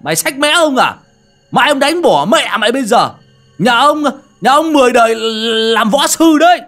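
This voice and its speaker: A man voicing a hot-tempered old male healer who shouts threats. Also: extremely high pitch, sing-song, normal speed, soft background music, pitched above the performer's own voice, exaggerated voice. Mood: furious.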